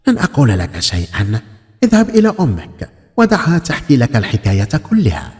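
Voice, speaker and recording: A man's voice: mid-range voice, wildly swooping pitch, fairly quick, darkish tone, long reverb tail. A man voicing an irritable old village woman in a folk tale, scolding and grumbling. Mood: annoyed, refusing. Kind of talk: folk tale character acting.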